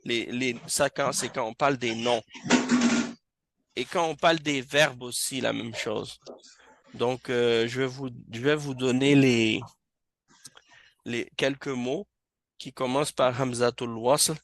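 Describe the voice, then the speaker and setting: A man teaching an Arabic reading class in a mosque, explaining slowly and patiently and repeating words so students catch the pronunciation. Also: medium pitch, steady tone, a bit bright, a little hiss or hum.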